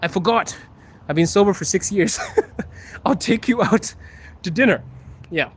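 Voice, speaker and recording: A young livestream host from Zimbabwe speaks in a high, husky, expressive voice, unhurried as he walks a wet street at night with his phone. He chats casually, reads viewer comments, laughs a lot, and teases people playfully in a laid-back way.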